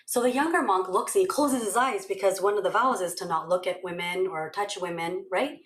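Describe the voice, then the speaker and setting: A woman's voice: medium pitch, brisk. Woman, meditation teacher, casual storytelling tone, echoey room. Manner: chatty, many fillers and "okay? right?" check-ins. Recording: roomy echo.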